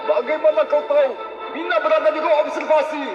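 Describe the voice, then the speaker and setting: Man acting a stern cartoon judge, very high male pitch, theatrical formal delivery, muffled audio, music underneath. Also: fairly even intonation, a little fast. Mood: solemn. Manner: formal, theatrical, grandiose declarations. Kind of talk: dramatic animated story dialogue. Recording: dull lo-fi audio with music behind.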